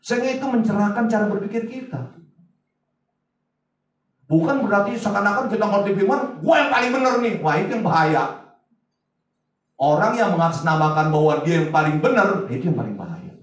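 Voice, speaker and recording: Pastor preaching in an echoey hall. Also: male voice, high voice, expressive, moderate pace, long pauses, distant mic. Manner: chatty, swings from loud to hushed asides. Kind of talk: sermon. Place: large church hall.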